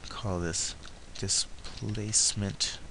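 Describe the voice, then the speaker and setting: A man narrating a software tutorial step by step, haltingly talking through each action as he does it. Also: on the low side, steady tone, background noise. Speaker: tutorial presenter.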